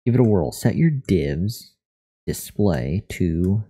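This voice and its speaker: A man's voice: low voice, sing-song, slow pace, mellow, husky. A man streaming live while learning to code, reading lesson text aloud and adding joking asides. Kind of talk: casual live-stream commentary.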